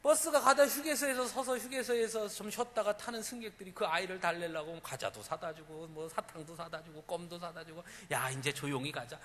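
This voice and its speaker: A man's voice: high voice, a bit bright. A man preaching a sermon as pastor, telling stories emphatically and acting out the quotes. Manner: emphatic storytelling with acted quotes. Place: church sanctuary. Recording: church hall reverb, faint room noise.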